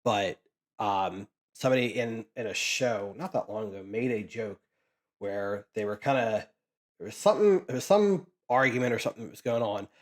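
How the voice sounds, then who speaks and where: A man casually chatting as he sorts trading cards for his channel, rambling with frequent restarts. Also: on the low side. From Pennsylvania, US. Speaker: card collecting vlogger. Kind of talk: casual chat while sorting cards.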